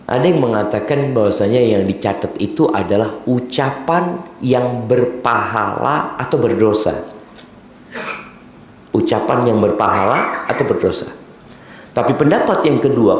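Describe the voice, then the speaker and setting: Animated preacher in a booming echo hall. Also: male voice. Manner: lively, mixes in Javanese words and Arabic recitation. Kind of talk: sermon. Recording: very echoey hall, faint noise.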